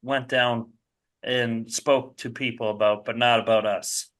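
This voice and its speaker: A man co-hosting a casual racing podcast, teasing the others with quick asides. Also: medium pitch, steady tone, a bit bright. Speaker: podcast co-host.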